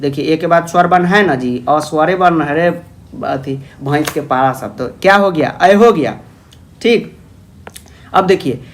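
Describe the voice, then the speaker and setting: A man's voice: sits high, a bit bright. A young man teaching grammar in an online lecture, affectionately calling students "babu" and asking their questions himself.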